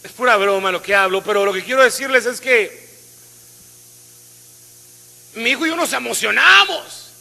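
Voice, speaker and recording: A pastor preaching a sermon in a casual, colloquial way, often asking the congregation questions. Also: male voice, extremely high pitch, lively intonation, moderate pace, vocal fry, long pauses, pushed and bright, big-room sound. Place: church.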